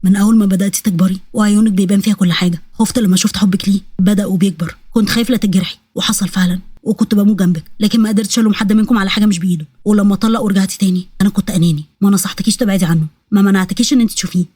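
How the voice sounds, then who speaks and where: A woman voicing a gentle, worried older father with an Egyptian accent, speaking slowly and tenderly. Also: medium pitch, steady tone, slightly rough, no echo, voice pushed down, close to an everyday voice.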